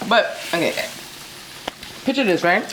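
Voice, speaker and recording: A woman's voice: medium pitch, lively intonation, a little slow, noisy background. A woman co-hosting a food vlog, talking casually and giving her opinions in a conversational way. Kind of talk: casual relationship chat while cooking. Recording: loud sizzling food close by. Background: frying and sizzling on a grill.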